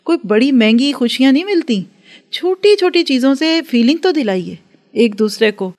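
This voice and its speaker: A religious teacher, a woman with a high-leaning, darkish-toned voice, gives an earnest lecture to a class. She offers advice and acts out everyday dialogues.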